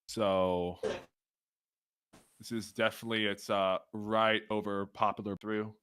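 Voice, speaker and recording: A man's voice: lowish voice, little pitch movement, slow pace, fairly bright tone, smooth, dry recording. A man hosting live weather commentary on a storm stream, hesitant with many fillers and restarts.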